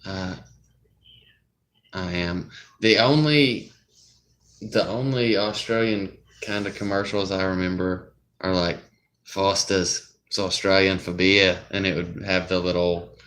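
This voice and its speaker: A young man with a Southern US drawl chats on a livestream. His voice sits very low and he talks at an unhurried, slow pace. He rambles and drifts easily off topic. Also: fairly bright tone. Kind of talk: casual live-stream chat.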